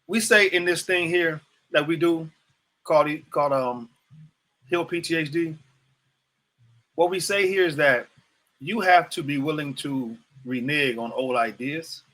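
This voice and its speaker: A man's voice: a little high, unhurried, a bit bright. A man in his fifties hosting a livestreamed motivational talk, preaching to viewers, repeating phrases and asking them questions directly. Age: 50s. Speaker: host.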